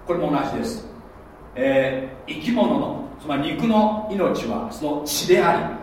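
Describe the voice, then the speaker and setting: A man preaching a sermon as pastor, animated and often checking that listeners follow along. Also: on the high side, a little hiss or hum. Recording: echoey hall, voice from a distance.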